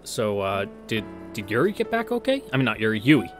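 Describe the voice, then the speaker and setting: A let's-play narrator reads a visual novel aloud, breaking off into wry, informal commentary while game music plays behind him. His lowish voice has huge pitch swings and runs a little fast.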